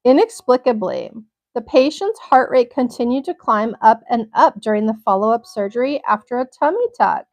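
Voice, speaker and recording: Brief: young woman, slightly high voice, livestream host, reads a crime article steadily and breaks off with blunt asides. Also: expressive, moderate pace, darkish tone. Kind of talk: reading aloud with personal asides.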